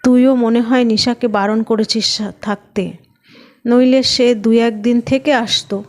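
A woman's voice: a little high, fairly even intonation, measured pace, natural voice. A woman voicing a scolding but caring older mother-in-law in a read-aloud story. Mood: fussing. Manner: scolding, fussing.

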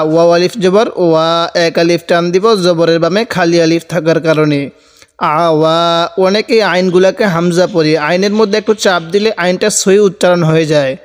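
A man with a high, smooth, resonant voice teaches Quran reading at a slow, deliberate pace. He spells each word letter by letter and draws out the recited syllables. A long reverb trails after his voice.

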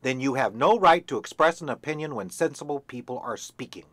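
A man's voice: medium pitch, animated, brisk, fairly bright tone, dry recording. A man voicing a smug, self-important tomcat who talks down curtly. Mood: condescending. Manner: curt, condescending.

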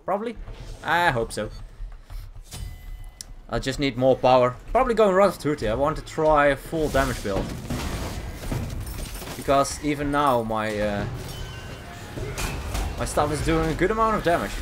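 A man hosting his gaming channel, giving casual play-by-play commentary with frequent chuckles and quick self-corrections. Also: mid-range voice, lively intonation, background noise. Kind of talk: live gameplay commentary. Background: game music.

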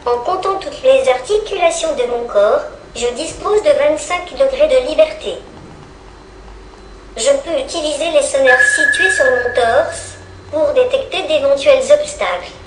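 A small humanoid robot introducing itself in a synthetic female text-to-speech voice, with an even, scripted delivery, heard from its own speaker on a stage. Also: high-pitched, a little slow, slight background noise. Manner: evenly paced, flat scripted delivery. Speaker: demo robot presenting itself. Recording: echoey room, voice from far off.

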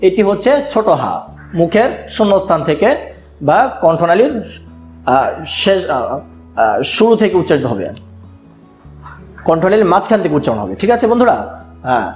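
A man with a high voice teaches young children an online lesson. He speaks slowly and patiently and repeats each sound for them to say back. The room is echoey, with faint music underneath. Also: sing-song, darkish tone.

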